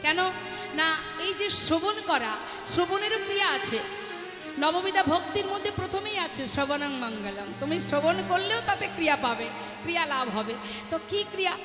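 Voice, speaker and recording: A woman's voice: very high voice, expressive, a little fast. A woman kirtan singer preaching and chanting to a crowd, calling the listeners mother and father as she urges them on. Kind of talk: devotional sermon with chanting. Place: large hall at a devotional gathering. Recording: echoey hall with music behind.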